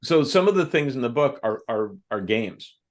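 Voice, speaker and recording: A guest on a podcast, this man is an author and firearms instructor who recounts stories from his classes thoughtfully and with measure. His mid-range voice is very animated.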